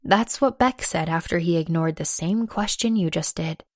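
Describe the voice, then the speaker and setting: Brief: woman narrator, lowish voice, dry close studio sound, playful first-person romance read. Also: normal speed, a little mellow, dry recording. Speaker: audiobook narrator.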